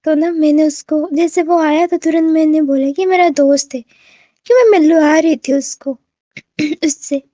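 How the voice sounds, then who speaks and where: A woman's voice: sits high, steady tone, normal speed, warm tone, dry recording, lo-fi sound. A woman telling a story to her viewers in a casual, rambling way, full of fillers and restarts, often speaking to the listener directly. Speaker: gamer recounting an online incident.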